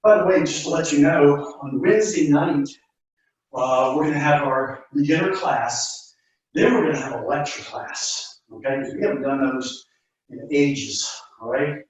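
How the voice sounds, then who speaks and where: A man's voice: fairly high pitch, a little slow. A man explaining karate to a class as the instructor, informal and instructive, often checking in with short questions. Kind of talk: casual spoken explanation to a class. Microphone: distant camera microphone. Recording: very echoey room, distant mic, dull sound.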